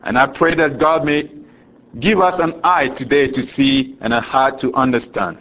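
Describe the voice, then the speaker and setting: Speaking with a Ghanaian accent, a man from Ghana delivers a slow, deliberate sermon, frequently chuckling and going low for the solemn parts. His intonation stays fairly even, and the sound quality is lo-fi.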